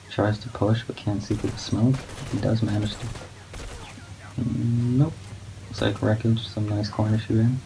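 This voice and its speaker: A man giving low-key, monotone play-by-play commentary on a competitive match as a guest commentator. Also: gravelly. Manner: not much of a talker. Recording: steady background noise.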